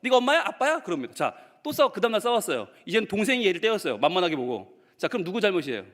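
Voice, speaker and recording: A male pastor preaches in a high, lively voice that swings widely as he tells stories. He acts out the quotes along the way. The sermon echoes with a long reverb through a church hall. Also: very fast. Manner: animated storytelling, acting out quotes. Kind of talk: sermon to teachers. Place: church sanctuary.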